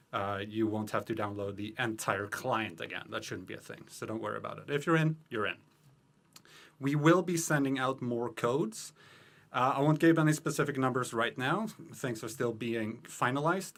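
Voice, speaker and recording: A man reading out game news quickly, hurried and a bit out of breath. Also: medium pitch, fairly bright tone. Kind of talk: rapid news update.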